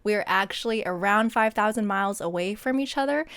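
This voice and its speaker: A woman's voice: mid-range voice, fairly quick, clear, resonant tone, dry recording. A young woman from Hawaii co-hosting a casual podcast over a video call, giggly and playful. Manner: giggly and playful, bursts into loud whoops. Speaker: podcast co-host. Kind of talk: casual chat.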